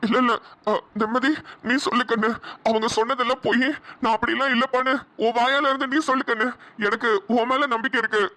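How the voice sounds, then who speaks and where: A voice actor playing a bewildered, pleading father in a cartoon drama, talking fast and urgently. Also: mid-range voice, steady tone, pushed and bright, close to an everyday voice. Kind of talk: cartoon voice acting.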